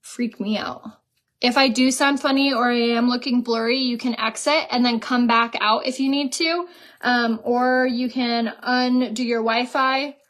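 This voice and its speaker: A woman's voice: a little high, steady tone, a little slow, a bit bright. A young woman hosting a live stream, chatting casually and giggling while she sells makeup.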